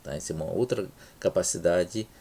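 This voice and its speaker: A man's voice: low voice, mellow. A man teaching a university lecture with a Brazilian Portuguese accent, speaking unhurriedly and checking in often with "tá?" and "né?" while restarting words. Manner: unhurried, frequent "tá?" and "né?" check-ins, many restarts. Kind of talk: recorded lecture over slides.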